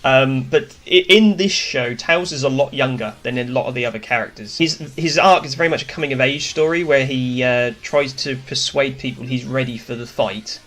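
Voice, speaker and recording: A man's voice: mid-range voice, normal speed, few pauses, a bit bright. A man hosting a casual cartoon review, talking through his opinions in a chatty, enthusiastic way. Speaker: host.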